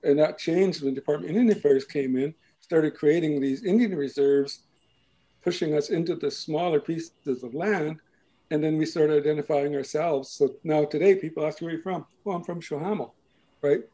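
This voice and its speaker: A man with a slightly high, mellow voice explains things in a slow, patient way. He often pauses to check that the listener is following. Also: low-quality recording. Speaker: language and culture speaker. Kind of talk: explanatory talk.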